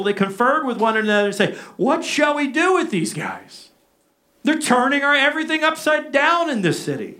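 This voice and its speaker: A man's voice: sits high, a bit bright. A man delivers a sermon. He speaks as a pastor, pressing his points with repetition and rhetorical questions. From Arkansas, United States.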